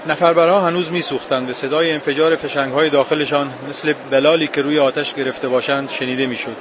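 Man reading aloud, flat, street noise. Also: fairly high pitch. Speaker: listener reading a book aloud.

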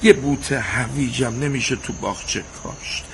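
A man's voice: medium pitch, a little hiss or hum, close to an everyday voice. An actor playing an aging restless father, bitter and nostalgic, who rants and then drops into a wistful murmur. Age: older. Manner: ranting, swings from shouting to wistful murmur. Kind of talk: radio drama acting.

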